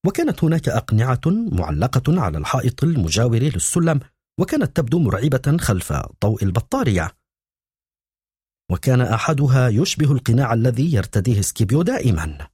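A man narrating a novel in a steady storytelling manner for an audiobook. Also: medium pitch, fast, breathy edge, no echo, studio quality. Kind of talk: scripted narration.

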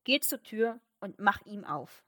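A woman voicing a calm, stern, fatherly king in a fairy tale, reading in a quieter tone. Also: medium pitch, a little slow. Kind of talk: storybook reading.

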